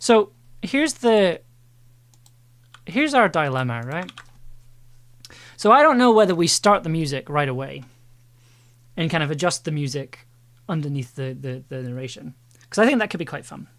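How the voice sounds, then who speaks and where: Here the streamer's voice is a little high and a bit bright, swinging widely in pitch at a normal speed with long pauses. He edits audio dramas live, chatting casually and thinking out loud, while faint noise and keyboard clicks and typing run behind him.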